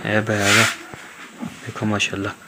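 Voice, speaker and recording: A man's voice: fairly low pitch, completely flat delivery, normal speed. A middle-aged man with a Pakistani Punjabi accent, casually showing off school supplies for a home vlog and often saying "okay" and "mashallah". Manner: repetitive, with frequent tags like "okay" and "mashallah". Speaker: vlogger. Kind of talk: casual show-and-tell vlog. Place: indoor room at home. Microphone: phone camera held by the speaker. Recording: loud background noise.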